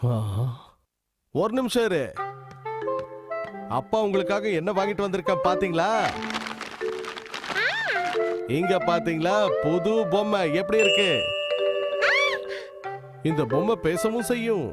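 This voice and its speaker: A woman voicing a soft-hearted bearded father in a dubbed cartoon, cooing and baby-talking to his infant daughter. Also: mid-range voice, moderate pace, pauses often, lightly acted. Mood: coaxing. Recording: music behind the voice.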